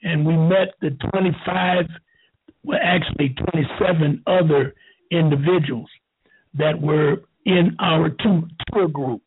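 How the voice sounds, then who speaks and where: A man in his seventies telling a rambling story slowly, with halting restarts. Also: on the high side, fairly even intonation, a little hiss or hum. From United States. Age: 70s. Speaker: show host. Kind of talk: rambling talk. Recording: tinny phone-like line.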